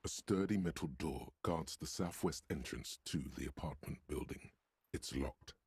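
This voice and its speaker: An actor voicing a game's male narrator, deep and gravelly, with a husky, wry, ominous delivery over faint music. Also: moderate pace, darkish tone, no room sound, clean studio sound, full character voice. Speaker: game narrator.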